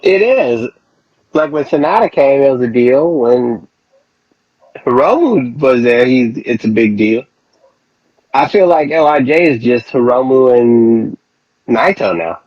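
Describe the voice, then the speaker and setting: A man talks slowly over a dull, lo-fi headset phone line that leaves him sounding thin and far off. His delivery is laid-back and profane in a casual chat. The line is dry, with no room around it. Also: medium pitch, lively intonation, no echo. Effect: thin, distant-sounding headset phone line. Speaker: podcast co-host.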